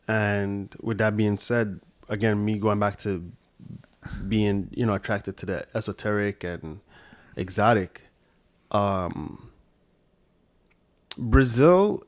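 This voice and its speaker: Casting: New man, interview guest, loose and profane storyteller with restarts. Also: on the low side. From Brooklyn, New York and Jamaica. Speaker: podcast guest, sommelier. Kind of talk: casual interview chat.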